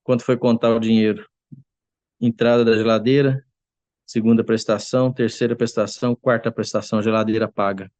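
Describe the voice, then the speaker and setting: A man's voice: mid-range voice, flat delivery, a little fast, darkish tone, no echo, muffled recording. A man giving a testimony to a church congregation, telling an earnest story and often addressing his listeners as brothers. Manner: acts out quoted voices.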